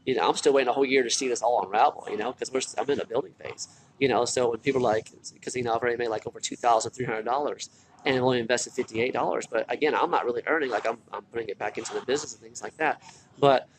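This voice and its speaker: A tired man speaks rapidly in a mid-pitched, gravelly voice. He is casual and earnest, circling back on phrases to press his point like a motivational vlogger. Faint hospital corridor noise sits behind him. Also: rough recording. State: tired from little sleep. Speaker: online marketer and former military recruiter. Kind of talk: casual motivational vlog talk. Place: hospital, such as a corridor or waiting area. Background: faint hospital ambience.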